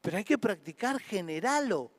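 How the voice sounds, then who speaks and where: A man preaching a sermon with an Argentine accent, swinging from soft talk to impassioned shouting. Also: sits high, sing-song, normal speed, no echo, long reverb tail. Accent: Argentine Spanish. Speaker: pastor.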